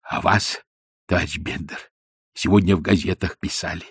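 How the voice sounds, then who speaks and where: A man voicing a timid, ingratiating older man who speaks in a hushed, wary tone. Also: low voice, fairly even intonation, normal speed, slightly rough, no room sound, studio quality, pitched below the performer's own voice.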